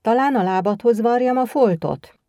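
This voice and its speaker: Woman reading as a gruff old shoemaker. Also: a little high, warm tone, no echo, studio quality, close to an everyday voice. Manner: grumbling, curt.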